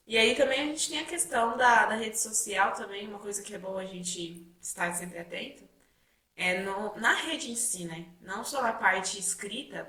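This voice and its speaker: A woman's voice: medium pitch, pushed and bright. A young woman co-hosting a casual chat, talking freely and often tagging her points with questions. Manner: chatty, frequent tag questions. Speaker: co-host. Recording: echoey room, mic at a distance.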